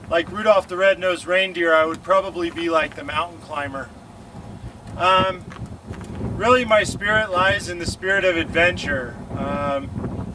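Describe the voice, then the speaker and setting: A man from the Lake Tahoe area of California, talking casually as an extreme sports athlete being interviewed outdoors, rambling with slang and lots of fillers. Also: fairly high pitch. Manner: rambling, laid-back, surfer slang with many fillers. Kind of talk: casual chat. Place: outdoors beside a motorcycle. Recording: noisy outdoor recording with traffic.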